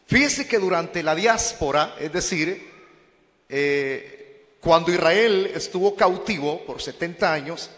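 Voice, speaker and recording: Male preacher, unhurried teaching sermon, long reverb. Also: high voice, a bit bright. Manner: addresses listeners as brothers, asks and answers questions.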